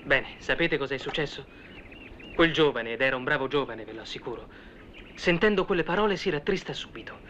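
An actor playing an eager male disciple who recounts events to listeners in lively, conversational storytelling with asides, in a 1970s film drama. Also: mid-range voice, brisk. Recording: dull old film soundtrack with faint hiss.

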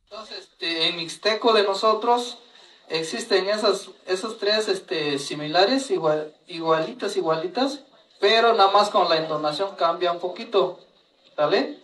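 A man giving a language lesson, spelling out words slowly, each followed by its translation. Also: sits high, fairly bright tone, reverberant, distant mic, poor audio. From Mexico. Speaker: teacher of Mixtec.

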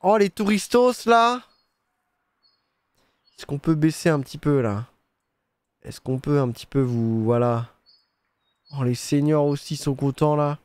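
Young man streaming a game, mid-pitched, teasing and sarcastic, swears a lot, dry close recording. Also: fairly even intonation, moderate pace, long pauses, mellow, no room sound. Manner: joking, sarcastic, swears freely, hums sound effects. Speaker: gaming streamer. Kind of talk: casual let's-play commentary.

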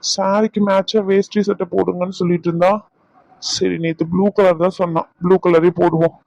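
A man voicing a gentle elderly grandfather in a cartoon, soothing and patient. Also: high voice, little pitch movement, brisk, creaky, no room sound. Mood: weary. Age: older. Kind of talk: cartoon voice acting. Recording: dull lo-fi sound.

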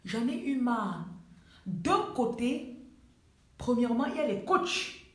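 A woman's voice: on the high side, animated, slow pace, fairly bright tone. Emphatic Cameroonian woman coach, echoey room. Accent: Cameroonian French. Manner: emphatic, repeats key phrases for effect. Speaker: life coach. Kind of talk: live-streamed motivational talk. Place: at home.

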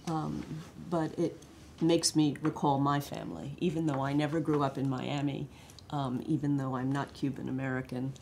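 A woman in her fifties from the Bronx with a low-pitched voice speaks in a studio. She relates the poem to her own family in a chatty, reminiscing manner. Faint room noise runs beneath her. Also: steady tone, moderate pace, creaky. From the Bronx, New York. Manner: warm personal recollection, laughs easily. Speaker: guest discussing a poem. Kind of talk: conversational literary discussion. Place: studio set, indoors.

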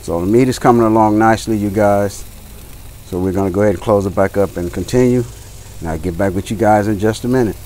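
A man chatting casually to viewers as he grills, folksy and unhurried, often repeating his phrases. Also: on the low side, dark tone. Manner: folksy, addresses viewers as y'all and guys. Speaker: barbecue vlogger. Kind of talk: casual chat while grilling. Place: outdoors beside a backyard grill. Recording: outdoor noise with faint sizzle.

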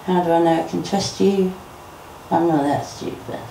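A woman doing a wary young boy who speaks bluntly and suspiciously, a bit lower than her telling voice. Gravelly and mellow, sounding roomy and far off. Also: steady tone, normal speed, background noise. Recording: roomy, voice from a distance.

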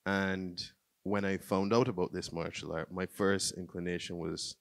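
A man from Barbados, a filmmaker and musician, speaking on a panel stage into a handheld microphone in a relaxed, reflective way. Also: deep voice, moderate pace, vocal fry. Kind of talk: panel discussion. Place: museum auditorium stage, seated panel before an audience.

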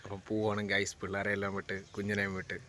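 A man's voice: lowish voice, completely flat delivery, rapid-fire, pushed and bright. A young man from Kerala talking casually to his viewers as a vlogger, calling them guys and hesitating with fillers. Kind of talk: casual vlog talk to camera. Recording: clear background noise.

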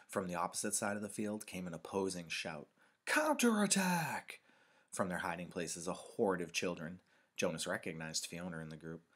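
A man with a very deep, low voice reads a novel aloud to his class. He tells the story in a measured, expressive way, slowing down and pausing for dramatic effect. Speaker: teacher reading a novel aloud. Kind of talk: read-aloud narration.

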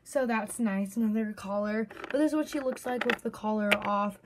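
A woman's voice: medium pitch, normal speed, slight background noise. A young woman chatting casually in a toy review vlog, rambling with many fillers and hiccuping now and then.

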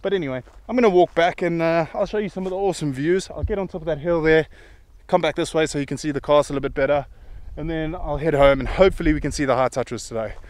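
A middle-aged man talks to a handheld phone while walking outdoors. His voice sits a little high and sounds smooth and clear. He chats in an eager, rambling way. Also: quick pace, darkish tone, dry recording. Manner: chatty, rambling, enthusiastic. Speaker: vlogger. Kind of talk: casual walking vlog. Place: outdoors on a hillside.

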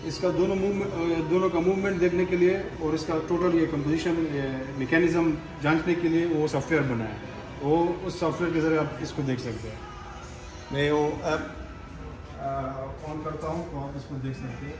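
Man, gallery guide, higher voice, explanatory, echoey room, music. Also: steady tone, normal speed. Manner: explanatory, mixes English terms. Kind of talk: explaining an exhibit.

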